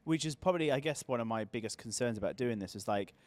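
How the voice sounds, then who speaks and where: Host: English guy, late thirties, relaxed banter, dry close sound. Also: medium pitch, fast talker, dry recording. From England. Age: 30s. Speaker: podcast host. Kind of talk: casual chat.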